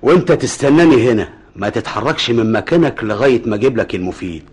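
An actor with an Egyptian accent playing a sly, smug crook scheming with a partner in a radio drama. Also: male voice, medium pitch, fast, husky, natural voice. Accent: Egyptian Arabic. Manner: smug, teasing.

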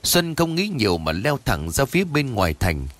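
A man narrating a ghost story in a lively, expressive storytelling manner. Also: medium pitch, moderate pace.

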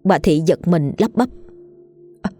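A woman reading a ghost story aloud in a steady storytelling voice. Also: on the low side, normal speed. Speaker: narrator. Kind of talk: scripted ghost story narration. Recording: faint background music.

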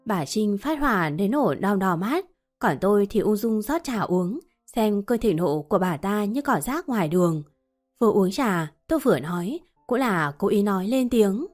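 Woman reading a novel over soft music. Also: mid-range voice, lively intonation, moderate pace. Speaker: audiobook narrator. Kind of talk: first-person novel narration. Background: faint music.

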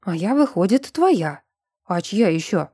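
A woman voicing a gruff, hot-tempered young man who is a werewolf. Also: mid-range voice, very animated, measured pace, dark tone, no echo, clean studio sound. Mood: blunt.

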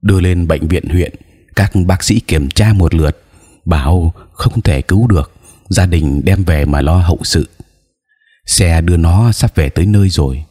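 A man's voice: low-pitched, normal speed, slightly rough. A man voicing a sorrowful village uncle. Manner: sorrowful, steady explaining. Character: sad village uncle telling bad news.

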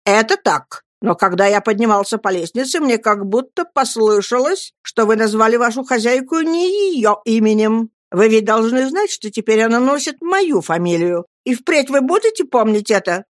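A woman's voice: a little high, lively intonation, moderate pace, few pauses, no room sound, clean studio sound, voice pushed up, natural voice. A woman reading aloud voices a stern, cold grown man who speaks in a firm, controlled way.

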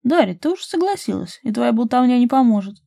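A gruff, loving major from a romance audiobook, as a woman reader puts him on. He grumbles in mock annoyance and drops to husky whispers, in a mellow warm tone. The recording is dry and close. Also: fairly high pitch, sing-song, fast, no room sound, pitched above the performer's own voice, full character voice. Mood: firm.

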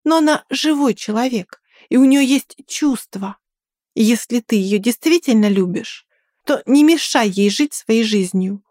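A woman reading an audiobook and voicing a bold young woman who defends her friend with sharp, threatening words. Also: a little high, lively intonation, unhurried, no room sound, studio quality. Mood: stern. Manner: sharp, threatening, then coaxing.

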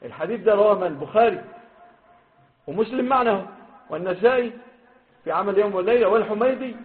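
Quick, high-voiced Egyptian sheikh teaching. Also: male voice. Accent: Egyptian Arabic. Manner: lively, stresses quoted wordings, asks the class questions. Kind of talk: classroom hadith lesson. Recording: phone-like lo-fi recording.

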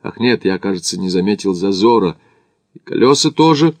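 A man voicing Smith, an excitable male traveler who bursts into high exclamations and quickly backs off, in an audiobook. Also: no echo. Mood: apologetic. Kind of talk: audiobook character voice.

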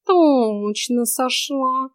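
A woman's voice: sits high, drawn-out words, no room sound, clean studio sound, voice pushed up. Woman voicing a whiny lazy house cat. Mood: alarmed indignant. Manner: sleepy, whiny grumbling. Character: lazy talkative male house cat, grumbling.

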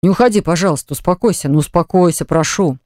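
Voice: medium pitch, fast talker, darkish tone, no room sound, clean studio sound, close to an everyday voice. Narrator doing a bossy, commanding grown man. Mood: pleading. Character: domineering grown man, pushy lover. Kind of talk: audiobook character voice.

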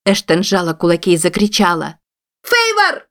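Woman, audiobook narrator, low-pitched voice, steady scripted reading. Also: normal speed, dry recording, clean studio sound.

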